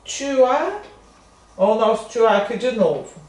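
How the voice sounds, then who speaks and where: A woman with a Brazilian Portuguese accent who teaches French, explaining in a chatty, animated way and often asking "né?". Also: fairly high pitch, measured pace. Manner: chatty, animated, asks "né?" a lot. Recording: echoey room, somewhat distant mic.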